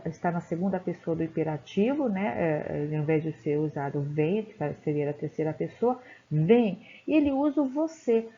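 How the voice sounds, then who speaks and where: A woman teacher with a mid-range, dark voice and vocal fry gives an explanatory classroom lecture, often checking in with her listeners through "tá?" and "né?". The recording sounds dull and lo-fi.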